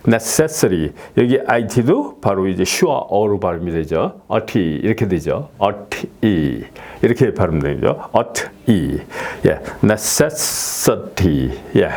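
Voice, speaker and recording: A man teaching English pronunciation, filling pauses with "yes" and repeating each word slowly. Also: fairly low pitch, a little mellow. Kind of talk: explaining lesson to camera.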